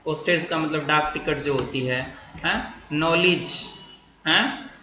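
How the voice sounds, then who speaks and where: A man teaching an English grammar lesson who slowly dictates his example sentences word by word. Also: a little high, sharp tone, roomy sound.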